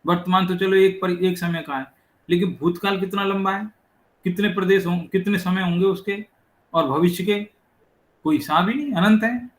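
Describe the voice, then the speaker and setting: A man giving a religious scripture lecture, explaining step by step, asking rhetorical questions and reciting verses slowly. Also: sits high, steady tone. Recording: echoey room.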